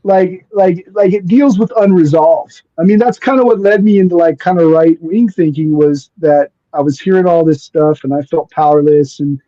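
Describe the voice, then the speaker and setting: A slightly high, warm male voice talks at normal speed with few pauses and no echo, though the sound is dull and lo-fi. He grew up near Mexico, has lived there most of his life, and speaks Spanish as his first language. In a casual spiritual conversation, he keeps things loose and slangy, often repeating words as he works through a thought.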